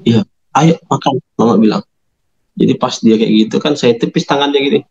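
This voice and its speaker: A man telling his conversion story in an interview, animated, acting out quoted dialogue in a raised voice. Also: mid-range voice, brisk, creaky, husky, dull audio. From Medan, North Sumatra.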